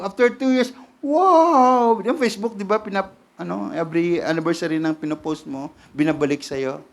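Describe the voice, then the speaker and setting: Animated Filipino man preaching a sermon. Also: a little high. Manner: animated, switches between Tagalog and English, asks the congregation questions. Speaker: pastor.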